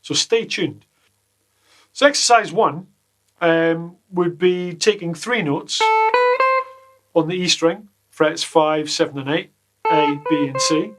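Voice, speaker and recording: A man gives a relaxed guitar lesson from a small home studio, and his voice sits a touch higher than most men's. He drops deadpan jokes between the explanations. Loud guitar plays behind him. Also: slow pace, pauses often. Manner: jokey, deadpan asides. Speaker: guitar teacher. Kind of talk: casual video lesson.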